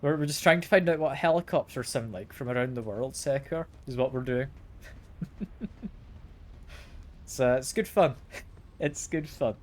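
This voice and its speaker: Over game music, a slightly ill, congested man streams a video game and chats casually, often repeating words as he plays. His voice sits in the mid-range, a little slow, with long pauses.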